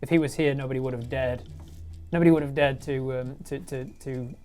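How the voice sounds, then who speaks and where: A man's voice: medium pitch, fairly even intonation, a little fast, darkish tone. Male player, thinks aloud, restarts often; light music behind. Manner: restarts a lot, thinks aloud while describing plans. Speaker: guest player. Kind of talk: playing a tabletop game.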